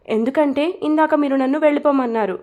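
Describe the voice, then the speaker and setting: A woman's voice: high voice, fast talker, narrow, tinny audio, natural voice. Young wife figure, pouting, whiny, touchy, woman reader. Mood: sulky. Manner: sulky, whiny.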